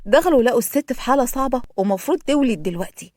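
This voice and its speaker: A woman storyteller who voices all the characters herself. Her voice is high and quick, and the sound is close and dry. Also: lively intonation, a little mellow, no echo. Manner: acts out every character herself. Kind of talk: scripted narration of a spoken story.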